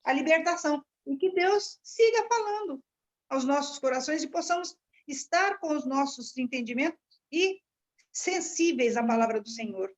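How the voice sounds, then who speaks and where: High-voiced woman commenting on scripture. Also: expressive. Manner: searching, halting delivery with restarts. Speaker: class participant. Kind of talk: Bible study commentary. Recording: dull lo-fi sound.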